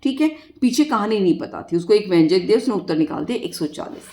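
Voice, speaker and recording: Mellow-voiced woman teaching math. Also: medium pitch, expressive, fast. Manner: explains step by step, asking the class questions. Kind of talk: classroom lesson explanation.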